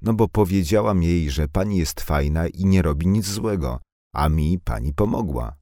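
A man's voice: low-pitched, animated, normal speed, warm tone, dry recording, clean studio sound. A man voicing a talkative, blunt young village woman with slangy, impulsive speech. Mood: chatty.

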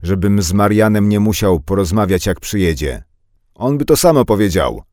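A man voicing a stern older village carpenter in an audiobook, with a sharp, commanding, loud delivery. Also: on the low side, animated, moderate pace, no room sound, studio quality, voice pushed up, natural voice. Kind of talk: audiobook character voice.

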